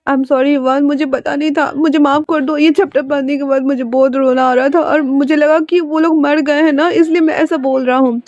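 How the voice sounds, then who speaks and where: A woman's voice: on the high side, steady tone, takes it slowly, pauses often, a little mellow, no echo, highs cut off. A woman voicing an emotional young man who stammers and pleads, as a storyteller puts him on. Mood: pleading.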